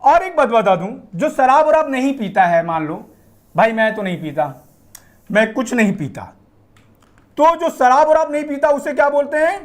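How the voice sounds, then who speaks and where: A man's voice: very high-pitched, moderate pace. A man teaching a live online vocabulary class, mixing Hindi and English and reading out viewers' answers as he goes.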